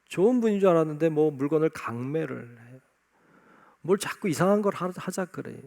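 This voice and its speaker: A man's voice: fairly high pitch, expressive, fairly quick, vocal fry, a little mellow. A man preaching a sermon as pastor, emphatic and driving his points home by repeating key phrases. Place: church sanctuary.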